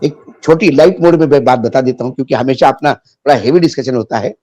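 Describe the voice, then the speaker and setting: A man's voice: medium pitch, a little fast, warm tone, no echo. A man discussing politics as a guest, biting and sarcastic, mixing in jokes and anecdotes.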